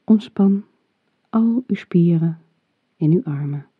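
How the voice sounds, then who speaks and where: This is a meditation led by a relaxation guide whose mid-range voice stays calm, soothing, soft and breathy as the instructions come in a measured way. The recording is muffled, like a phone, and echoes as if in a large room.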